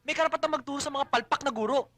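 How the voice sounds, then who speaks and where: A woman's voice: sits high, racing, noisy background, lightly acted. An actress playing a sassy student who lectures her classmates in a film comedy. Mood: lecturing.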